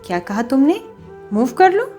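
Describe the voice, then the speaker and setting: A heartbroken young woman in tears from an audio novel, as a woman reader voices her. Her voice sits somewhat high and sounds tearful and pleading. Faint music plays behind. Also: big pitch swings, warm tone. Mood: hurt angry. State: crying.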